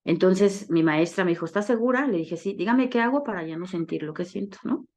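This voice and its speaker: A woman speaks to a support group in a low voice. She tells a personal story, acts out the lines she quotes and often checks in with tag questions. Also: expressive, a little fast, a little mellow. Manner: storytelling, acting out quoted dialogue. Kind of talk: personal testimony talk.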